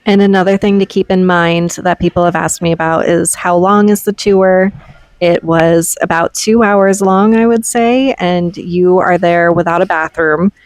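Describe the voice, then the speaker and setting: A woman's voice: on the low side, fairly even intonation, normal speed, dry recording. A woman vlogger giving a casual, conversational voice-over recap, explaining things as she goes.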